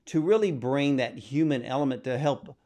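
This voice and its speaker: Man interviewing with measured questions. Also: mid-range voice, warm tone.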